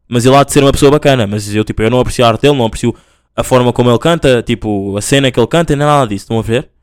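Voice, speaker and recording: A man's voice: medium pitch, no echo. Young man, slangy podcast chat. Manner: rambling, slangy, with many fillers and restarts. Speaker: podcast host. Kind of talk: casual solo podcast chat.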